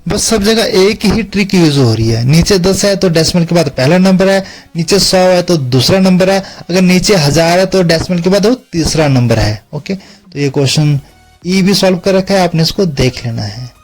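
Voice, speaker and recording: A man's voice: high-pitched, expressive, moderate pace, faint music behind. A man teaching a math lesson, explaining each step and checking in with his students again and again. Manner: repeats check-in tags to students.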